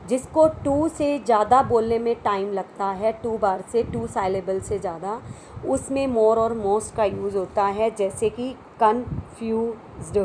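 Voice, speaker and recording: Brief: female teacher with an Indian English accent, very slow and careful delivery, slightly high voice, faint hum in the background. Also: a little mellow, rough recording. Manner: deliberate, explains step by step with repeated checks. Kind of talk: classroom grammar lesson.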